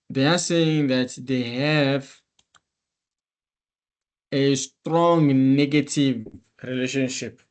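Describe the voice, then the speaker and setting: A man teaching over a video call, his voice carried through a computer mic. He talks slowly and deliberately, walking through each step in a methodical way, at a middle pitch. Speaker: instructor. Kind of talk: screen-share tutorial walkthrough. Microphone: computer mic on a meeting call.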